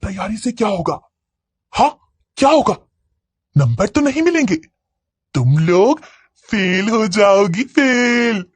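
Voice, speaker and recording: A high, crazed schoolgirl voice, put on by a man, swooping wildly as she taunts in a singsong and cackles. She is pregnant and fixated on her exams, and she shrieks her warnings to other girls in a storybook tale. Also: big pitch swings, slow pace, long pauses, husky, dry recording, heavily acted. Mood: taunting.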